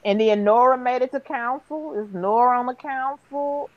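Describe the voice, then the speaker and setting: A woman hosting a casual fan chat, animated and acting out quotes from the show. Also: high voice, normal speed, lo-fi sound. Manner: animated, acts out characters in quotes.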